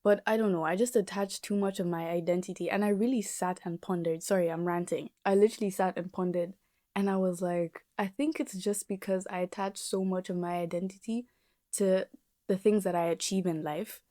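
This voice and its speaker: A young woman of twenty muses aloud on her own podcast, rambling and reflective, with plenty of fillers. Her voice sits a little low and sounds mellow and soft-edged. The recording is dry and close, with no room sound. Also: fairly even intonation, a little fast, dry recording. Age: 20s. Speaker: podcast host. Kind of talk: casual solo podcast monologue.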